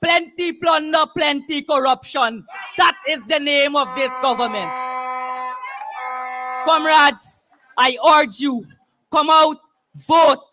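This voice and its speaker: A man with a Guyanese accent giving a fiery, impassioned revolutionary speech as a political rally speaker, often shouting. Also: extremely high pitch, slow, long pauses, background noise. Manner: fiery, impassioned, revolutionary call-to-action oratory; shouting much of the time. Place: public political meeting, speaking to a crowd.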